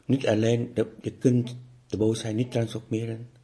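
A man giving a contemplative spiritual talk, speaking slowly and repetitively with pauses, sometimes dropping to a near-whisper. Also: mid-range voice, completely flat delivery, warm tone. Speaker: spiritual teacher.

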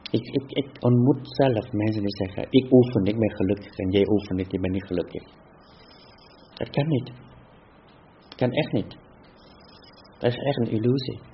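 Low-voiced man giving a halting spiritual talk. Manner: deliberate, repetitive phrasing with halting restarts. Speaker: meditation teacher. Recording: dull lo-fi with faint hiss.

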